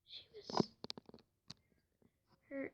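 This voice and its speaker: A woman telling a home-made story casually, hesitant and soft, often slipping into whispers, with faint noise behind her. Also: drawn-out words.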